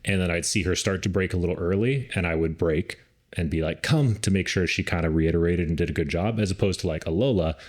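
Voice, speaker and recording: Deep-voiced man chatting casually. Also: fast talker. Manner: relaxed, rambling with many fillers. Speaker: podcast co-host, dog rescue trainer. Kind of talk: casual conversational advice.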